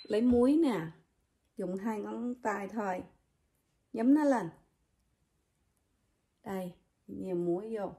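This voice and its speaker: A cooking vlogger with a Southern Vietnamese accent gives a chatty, step-by-step demonstration in her home kitchen, speaking directly to viewers. Her voice is warm and medium-pitched, with a slow pace and long pauses. Dishes and utensils clatter in the background.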